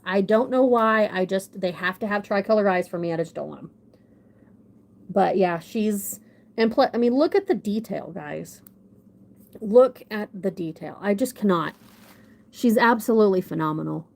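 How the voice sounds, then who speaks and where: Excitable woman, casual livestream host, gushing and scattered. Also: mid-range voice, creaky. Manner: gushing, excitable, rambling with many restarts. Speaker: model horse collector hosting a livestream.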